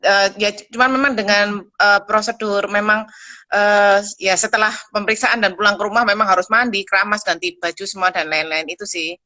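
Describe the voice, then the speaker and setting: A woman's voice: mid-range voice, steady tone, a little fast, sharp tone. A woman answering as a guest dental expert on a live call, explaining in a reassuring but hesitant, informal way. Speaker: guest expert, pediatric dentist. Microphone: live video call.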